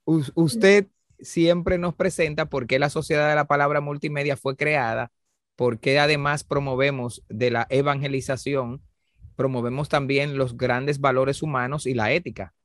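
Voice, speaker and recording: A man's voice: medium pitch, steady tone, moderate pace, dry recording, clean studio sound. A man, the agency director, hosting with a formal, courteous welcome. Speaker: press agency director and host. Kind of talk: formal program introduction.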